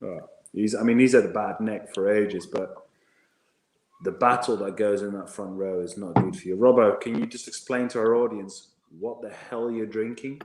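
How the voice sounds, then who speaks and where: Lively storytelling man in an echoey room. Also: fairly low pitch, moderate pace, slight background noise. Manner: lively storyteller, laughs often. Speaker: former rugby player pundit. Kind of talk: casual watchalong chat. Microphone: video call.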